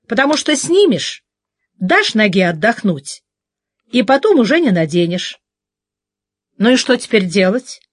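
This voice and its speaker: A woman's voice: medium pitch, big pitch swings, a little slow, long pauses, dry recording, studio quality. A woman reading an audiobook voices a wry woman detective, grumbling to herself and playing at suffering. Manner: wry inner monologue, mock-suffering. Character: wry, tough woman detective in her forties. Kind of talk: audiobook character voice.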